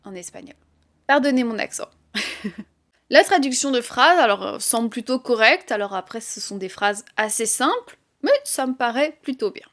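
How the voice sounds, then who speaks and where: Casting note: French-accented female teacher, casual explainer, a touch high-pitched. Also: animated, moderate pace, a bit bright. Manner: conversational, with light laughs and fillers.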